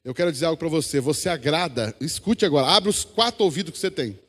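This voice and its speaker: A Brazilian man preaches from the pulpit with a notably high voice, urging the congregation to answer and repeat after him. His voice rings out with the long reverb of a church hall. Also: animated, fast. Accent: Brazilian Portuguese. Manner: exhorting congregation, call-and-response. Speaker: pastor. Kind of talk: sermon.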